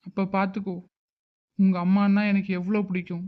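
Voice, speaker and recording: A man voicing a hurt, stubborn uncle who scolds and grieves in an animated drama. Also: sits high, brisk, narrow, tinny audio, close to an everyday voice. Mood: grieving. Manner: reproachful, emotional. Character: hurt, stubborn middle-aged uncle, angry but grieving.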